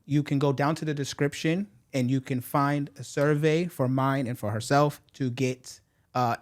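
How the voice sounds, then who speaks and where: A man's voice: mid-range voice, a little mellow. Upbeat American man hosting a podcast. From United States. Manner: upbeat, talks quickly in bursts, filler-heavy. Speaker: podcast host. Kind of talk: casual interview podcast.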